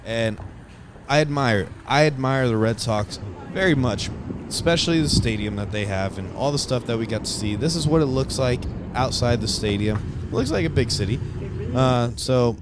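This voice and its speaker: A man's voice: medium pitch, animated, normal speed, background noise. A young man narrating his stadium tour video in a casual, enthusiastic, rambling way with lots of fillers. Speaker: vlogger giving a stadium tour.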